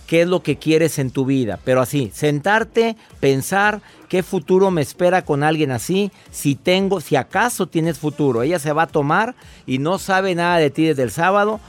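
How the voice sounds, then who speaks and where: Speaking at normal speed with hardly any pauses, a fairly high-voiced man hosts a radio program. He offers a caller emphatic, warm, fatherly advice laced with rhetorical questions, and he interviews a guest too.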